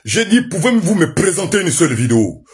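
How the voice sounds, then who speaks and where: Man, Gabonese French accent, loud emphatic storyteller, husky rough voice, lively swooping pitch. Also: brisk, soft background music. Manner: loud, emphatic, says his voice is naturally loud, laughs while telling. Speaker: former detainee telling his story. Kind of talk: animated personal storytelling to an audience.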